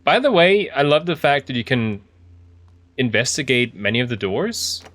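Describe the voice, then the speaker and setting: A man's voice: mid-range voice, very animated, moderate pace, fairly bright tone, no room sound. A man giving casual video game commentary, thinking aloud in a chatty, easily impressed way. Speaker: video game streamer playing an indie horror game.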